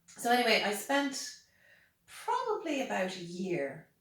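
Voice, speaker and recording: A woman with an Irish accent giving reflective interview answers in a deliberate, measured, emphatic way. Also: mid-range voice, huge pitch swings, a bit bright. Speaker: interviewee, pagan priestess. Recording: very echoey room, distant mic.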